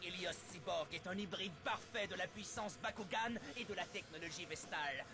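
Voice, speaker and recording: A man's voice: sits high, normal speed. A man voicing an arrogant, cold rival battler in a French anime dub, with a haughty, declamatory delivery. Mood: smug boasting. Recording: loud music behind the voice.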